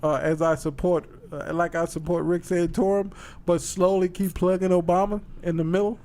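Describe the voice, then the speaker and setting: A male podcast co-host with a notably high-pitched voice. He riffs in casual comedic banter and leans into crude, boastful jokes. His delivery is relaxed and self-assured. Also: moderate pace.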